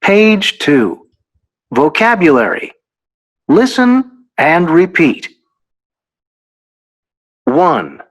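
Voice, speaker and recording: Textbook narrator; deliberate instructional announcing, very slow, mid pitch. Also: sing-song.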